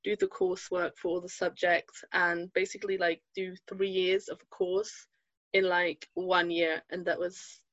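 A woman's voice: lowish voice, expressive, measured pace, fairly bright tone, no room sound, dull audio. A woman in her twenties from Germany, a podcast guest chatting casually and hesitantly, full of fillers and restarts. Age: 20s. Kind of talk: casual interview chat.

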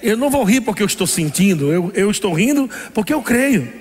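A man's voice: sits high, big pitch swings, fairly quick, darkish tone, big-room sound. A man preaching an emphatic sermon as pastor, often laughing between phrases.

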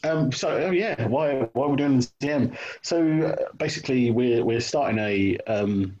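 A man's voice: medium pitch, moderate pace, darkish tone. A man in casual chat about his hobby, hesitant, with many ums and restarts, on dull lo-fi call audio. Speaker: hobby wargamer guest.

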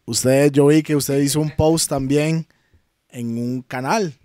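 A man's voice: fairly high pitch, fairly even intonation, slow pace, mellow. A man with a Costa Rican accent, hosting a casual podcast and steering the talk with questions. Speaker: podcast host.

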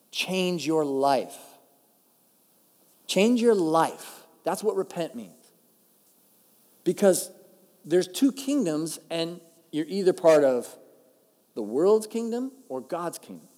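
Pastor preaching in a reverberant hall. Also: male voice, a little high, mellow. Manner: conversational, emphatic, slows down to stress key phrases. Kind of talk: sermon. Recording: long reverb of a large hall.

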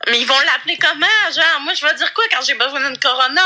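Giggly Quebec woman, high bright voice. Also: fast talker, rough recording. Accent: Quebec French, Saint-Jean. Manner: giggly, lots of "tu sais" fillers. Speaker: podcast co-host. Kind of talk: casual chat.

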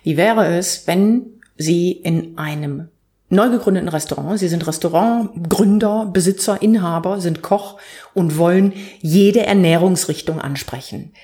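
A woman's voice: lowish voice, a little slow, warm tone. A woman hosting a podcast, presenting and chatting in a structured, explanatory way with vivid examples. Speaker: podcast host.

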